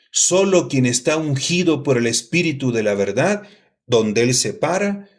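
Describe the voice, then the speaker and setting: Guy preaching a homily, husky voice, pushy teacher vibe, keeps repeating himself and asking the crowd stuff. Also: mid-range voice. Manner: emphatic teaching, repeats key phrases, asks the listeners questions. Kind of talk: sermon.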